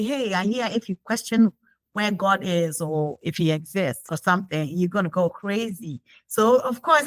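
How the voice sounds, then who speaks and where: A woman speaks in a reflective, conversational way. She often pauses on fillers and restarts her sentences. Her voice sits at a middling pitch and is recorded very dry, with no room sound. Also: no room sound, poor audio. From Ghana. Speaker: guest. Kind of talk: conversational interview.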